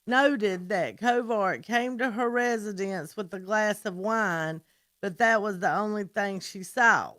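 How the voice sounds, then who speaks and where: A woman co-hosting a morning radio show, reading out a news report at a steady pace and adding dry remarks. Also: mid-range voice, a little slow.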